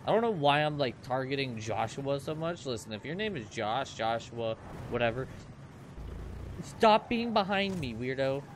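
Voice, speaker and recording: A man's voice: mid-range voice, big pitch swings, moderate pace, a little hiss or hum. A man in his twenties rambling and joking with viewers as he comments on his own gameplay. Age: 20s. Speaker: let's play host.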